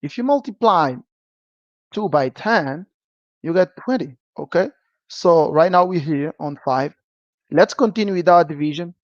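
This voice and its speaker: Animated but a little slow, the medium-pitched voice belongs to a programming teacher whose first language is Portuguese, giving a live-streamed lesson. The dull, dry recording has no room sound, and he checks in frequently with "okay?"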